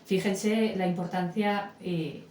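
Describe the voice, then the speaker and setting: A woman's voice: mid-range voice, fairly even intonation, takes it slowly, darkish tone. A woman who works in Alzheimer's care, explaining patiently in a casual conversation. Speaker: Alzheimer's care professional, guest. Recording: echoey room with faint noise.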